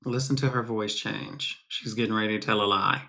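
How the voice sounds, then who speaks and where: A man's voice: on the low side, steady tone, moderate pace, gravelly, sharp tone. A man commenting over clips of someone talking about him, answering with defensive, sarcastic retorts. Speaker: streamer reacting to clips.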